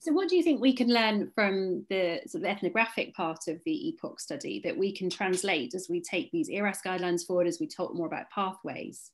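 A woman's voice: lowish voice, animated, fairly quick, hardly any pauses. A woman moderating a medical webinar, putting questions to the panel over a video call. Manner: inquisitive, poses questions.

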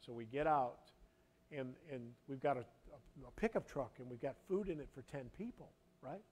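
A male pastor preaching a live sermon, telling a story earnestly with many restarts and building to loud, emphatic passages. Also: mid-range voice, moderate pace, breathy edge. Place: church sanctuary.

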